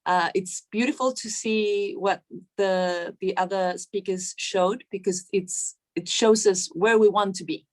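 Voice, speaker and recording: A woman from Chile, a museum foundation director, presenting at an online seminar in a friendly, informal way, with halting fillers and easy laughs, heard over a video call. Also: medium pitch, fairly even intonation, darkish tone.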